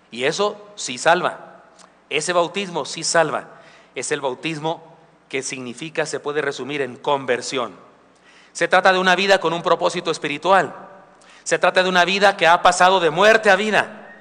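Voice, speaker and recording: Male pastor, bright voice pitched a bit high, chatty sermon, church with long reverb. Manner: conversational preaching, with asides and humor. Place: church sanctuary. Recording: live church recording with long hall reverb.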